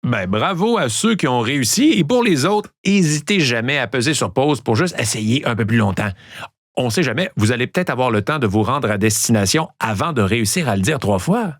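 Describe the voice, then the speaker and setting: A man's voice: medium pitch, lively intonation, brisk, no room sound, studio quality. A man with a Québécois accent hosting a playful road-trip quiz, trained in theatre diction, full of joking asides. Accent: Québécois French. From Quebec. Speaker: host.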